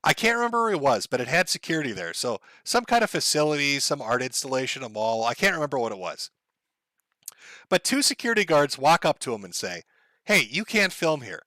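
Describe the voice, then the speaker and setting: A man hosting a livestream, reading viewer donations out loud and telling stories in a casual, profane way, often laughing. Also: mid-range voice, very animated, fast talker, no room sound. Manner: profane, laughing, rambling storyteller.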